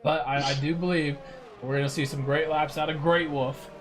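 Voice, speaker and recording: A young man giving live commentary on a sim-racing league race, explaining tactics in a steady, measured way. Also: fairly high pitch, noisy background.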